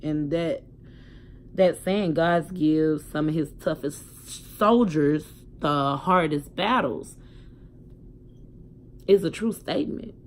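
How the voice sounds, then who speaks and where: A young woman speaks frankly into her phone. She talks in a candid, emphatic way and swears freely, swinging between loud outbursts and quiet thoughts. A faint hiss sits under her voice. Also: low-pitched, slow, pauses often. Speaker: vlogger. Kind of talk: casual personal storytelling to a phone camera.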